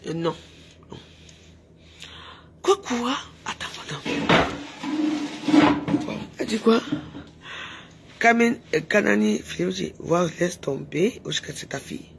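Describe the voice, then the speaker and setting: Her voice is fairly low, animated and gravelly, at normal speed but broken by long pauses, over background noise. As a social media personality, she rants furiously to camera, taunting and insulting while repeating her shouted jabs.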